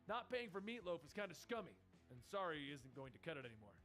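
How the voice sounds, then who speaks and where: A man narrates a story recap with quick, animated storytelling. His voice is high and lively, jumping around in pitch, with faint music underneath.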